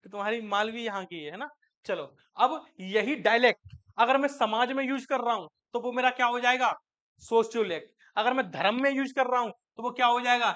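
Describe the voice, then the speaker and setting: High-voiced, bright male lecturer. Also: a little fast. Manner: asks students questions and answers them himself; mixes English terms into Hindi. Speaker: teacher. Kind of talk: classroom lecture.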